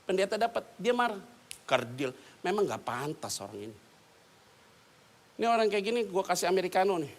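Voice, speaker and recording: Animated, joking man preaching a sermon. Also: high voice, fairly quick, pauses often, a little hiss or hum. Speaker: pastor. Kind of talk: lively sermon. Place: church.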